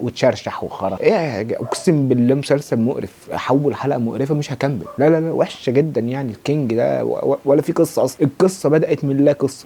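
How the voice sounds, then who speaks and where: A man's voice: medium pitch, warm tone, husky. A young man with an Egyptian Arabic accent ranting sarcastically about new TV series in an exasperated, colloquial way. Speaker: TV series reviewer. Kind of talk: fast ranting review.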